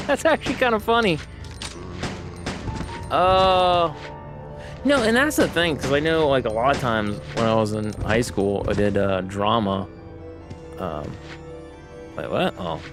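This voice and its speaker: A man's voice: medium pitch, a little slow, pauses often. A man from the United States chatting casually while he plays a game on a livestream. He rambles, thinks aloud and corrects himself, with lots of fillers. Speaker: streamer. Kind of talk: casual gameplay livestream chat. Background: game music.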